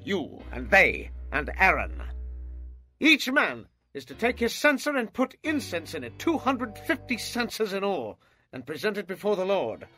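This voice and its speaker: A stern, commanding prophet. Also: male voice, sits high, huge pitch swings, a little slow, heavily acted. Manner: forceful, pleading at times. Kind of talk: dramatized scripture reading. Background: faint music.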